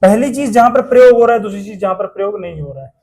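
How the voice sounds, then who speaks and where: A man's voice: high voice, lively intonation, rapid-fire, a little mellow. A man teaching a class, asking questions and repeating the answers himself. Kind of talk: classroom lesson.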